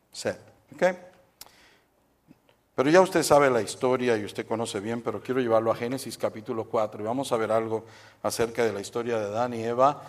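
A middle-aged man preaching a humorous sermon at a church service, telling jokes and quizzing the congregation. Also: medium pitch. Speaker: pastor.

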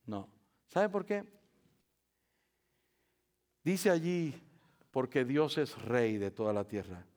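Spanish-language preacher building to loud emphasis. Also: male voice, mid-range voice, sing-song, slow pace. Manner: preaching with rising, shouted emphasis and rhetorical questions; repeats phrases for emphasis. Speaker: pastor. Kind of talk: sermon. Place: church.

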